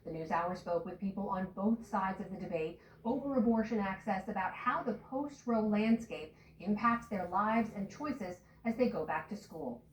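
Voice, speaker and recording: A woman reporter reading a scripted news voice-over in a measured, even way. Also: mid-range voice, slight background noise. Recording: dull roomy audio.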